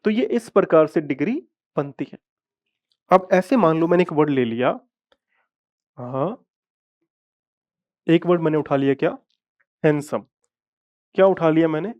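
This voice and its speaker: A man teaching a live online English grammar class, explaining step by step, repeating words slowly and asking his students whether they follow. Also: fairly high pitch, expressive, darkish tone. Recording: dull lo-fi audio.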